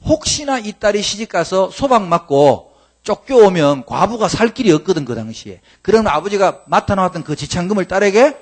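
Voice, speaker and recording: A male pastor preaching a sermon in a church, telling a Bible story with lively acted-out dialogue. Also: high voice, brisk. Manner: animated storytelling preacher, acts out quoted characters. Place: church sanctuary.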